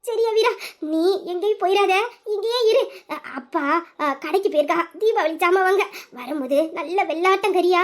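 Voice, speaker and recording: A woman doing a fussy, doting village mother. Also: extremely high pitch. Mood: fussing. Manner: fussy and sentimental, gives orders quickly. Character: doting village mother, fussing over her favourite son.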